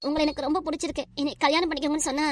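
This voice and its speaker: A woman's voice: sits high, flat delivery, very fast, no echo, natural voice. A woman voicing an earnest, lovestruck twenty-year-old nurse with a southern Tamil Nadu accent, pleading insistently in a cartoon. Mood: tearful pleading. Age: 20s. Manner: pleading, insistent, talks over objections. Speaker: voice actor. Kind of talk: cartoon voice acting.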